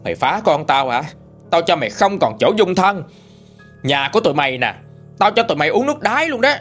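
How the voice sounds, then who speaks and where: A man doing a raging villager shouting high. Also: very animated, brisk, soft background music. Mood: furious. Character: enraged middle-aged village man shouting curses.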